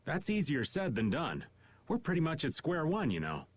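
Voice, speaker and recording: Older whiny laid-back game dude, folksy, very animated voice, bit of noise. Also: male voice, on the high side, moderate pace. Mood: grumbling. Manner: folksy, theatrical complaining. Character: laid-back, grumbling older man of the party. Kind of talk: video game voice acting.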